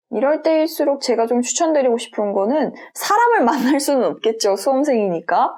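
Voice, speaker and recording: Gentle, reassuring woman tarot reader. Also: a little high. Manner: gentle, reassuring, addresses viewers directly. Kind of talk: general tarot reading for viewers.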